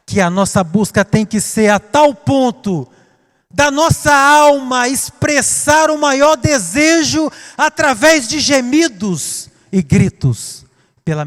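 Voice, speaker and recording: High-voiced dramatic Brazilian preacher. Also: male voice. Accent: Brazilian Portuguese. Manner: dramatic, swinging between hushed and loud. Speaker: pastor. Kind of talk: sermon. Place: church. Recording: reverberant church hall.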